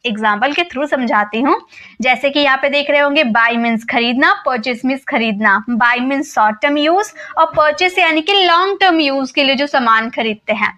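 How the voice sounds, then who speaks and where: Bright high-voiced woman teaching English. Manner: explains step by step, asks and answers her own questions; says English phrases slowly for learners. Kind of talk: whiteboard grammar lesson.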